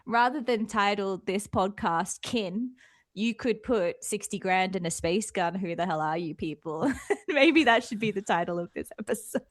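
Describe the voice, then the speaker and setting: A woman's voice: mid-range voice, normal speed, no echo. An Australian woman co-hosting a podcast, chatting casually about a film and laughing often. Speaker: podcast co-host.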